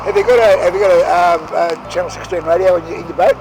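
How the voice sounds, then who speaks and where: A man's voice: high voice, steady tone, fast. An Australian man in a casual chat, matey and colloquial, often repeating himself. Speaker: marine rescue volunteer or worker. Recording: noisy outdoor location recording.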